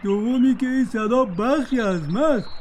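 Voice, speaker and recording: A woman voicing a gentle, kindly male cow with a slow, apologetic manner. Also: on the high side, expressive, a little hiss or hum, natural voice.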